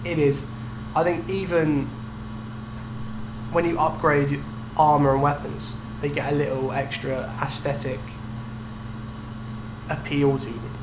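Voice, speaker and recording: An unhurried young man with a voice on the high side leaves long pauses as he co-hosts a casual video game podcast. The space is echoey, with a steady background hum and noise.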